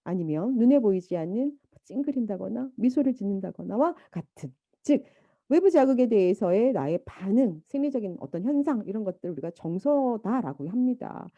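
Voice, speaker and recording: A woman giving a lecture, lively and animated, now and then imitating baby babble and a mother's talk. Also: medium pitch, moderate pace, dry recording, lo-fi sound. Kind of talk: university lecture.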